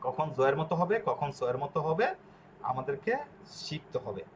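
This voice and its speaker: Over a noisy background, a native Bengali speaker leads a pronunciation class, deliberately spelling letters and slowly repeating brief syllables. His slightly high voice is expressive.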